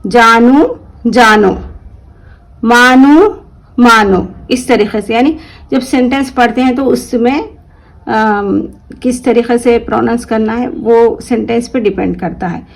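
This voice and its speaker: A woman teaching an online language lesson, reading a word list aloud slowly and stressing each word for her pupils to repeat. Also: a little high, creaky, rough recording. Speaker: Urdu teacher. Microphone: computer or phone mic in an online class.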